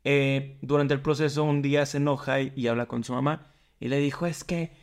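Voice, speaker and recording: A man's voice: medium pitch, flat delivery, brisk, smooth. Male co-host, thoughtful rambling storyteller. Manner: reflective, meandering storyteller. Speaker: podcast co-host. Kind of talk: casual podcast chat.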